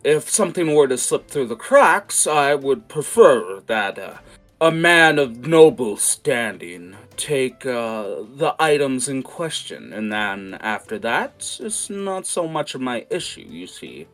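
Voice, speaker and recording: A man voicing a corrupt, smooth-talking male noble official who hints at bribes with slippery, hesitant phrasing. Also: medium pitch, very animated, takes it slowly, fairly bright tone, voice pushed up, heavily acted. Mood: slyly persuasive. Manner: oily, insinuating, hesitant fillers.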